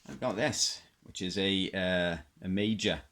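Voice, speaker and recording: Against background noise, a middle-aged man with a low-pitched voice presents his hobby items one by one in casual, unplanned show-and-tell. He halts, pauses to muse, and frequently repeats his wording.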